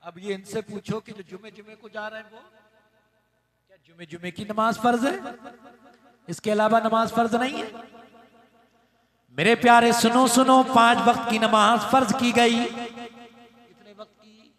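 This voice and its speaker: A man's voice: very high voice, flat delivery, a little slow, long pauses, fairly bright tone, reverberant, big-room sound. A man preaching a sermon to a gathering, building fervent, chanting repetitions of lines. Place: religious gathering. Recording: crowd audible behind the speaker.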